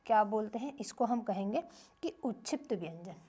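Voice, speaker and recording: A woman's voice: medium pitch, expressive, normal speed, mellow, husky. A woman teacher giving a grammar lesson to young children, asking short questions and answering them herself in a repetitive drilling rhythm.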